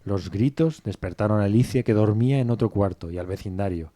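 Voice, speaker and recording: A man's voice: fairly low pitch, a little fast, warm tone, natural voice. A man playing Tristán, earnest servant. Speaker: podcast storyteller. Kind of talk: scripted two-hander narration.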